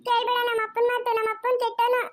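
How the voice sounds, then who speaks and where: Cartoon child: woman voices insistent little girl, high and monotone. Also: rapid-fire. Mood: accusing. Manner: insistent, repetitive. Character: stubborn young girl who rejects her father. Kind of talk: cartoon voice acting.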